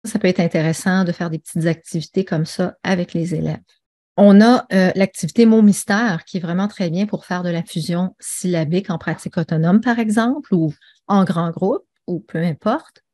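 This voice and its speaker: A woman runs an online teaching webinar in a low, dark voice at normal speed. She talks in a conversational way, with frequent fillers and restarts.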